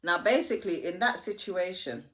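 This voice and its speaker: A woman tells a story to her followers while getting ready. Her voice sits a bit low, and she slips into slang and dialect voices as she acts out each scene. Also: lively intonation, moderate pace, a bit bright. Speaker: vlogger. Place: home.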